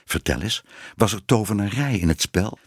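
A man's voice: on the low side, expressive, normal speed, husky, no room sound, studio quality. Man voicing hissing old cat Tante Moertje. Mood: disapproving. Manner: hissing, prim and scolding.

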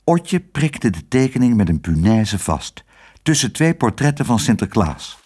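Brief: male narrator, children's storybook reading, very lively melody, mid pitch. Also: unhurried, breathy edge. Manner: expressive, animated storytelling.

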